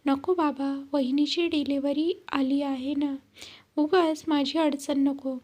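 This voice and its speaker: A wounded young mother with a high voice, cool and cutting in her replies, as a woman reads her lines. Her words come out firm and mocking, part of a spoken storybook. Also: steady tone, takes it slowly, a little mellow. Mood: tender.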